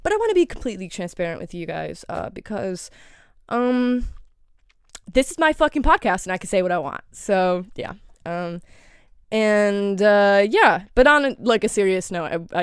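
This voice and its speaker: A young woman hosts her own podcast in a casual solo monologue, congested from a cold and rambling candidly with plenty of swearing and filler words. Her voice is medium-pitched with a clean tone, recorded dry at studio quality.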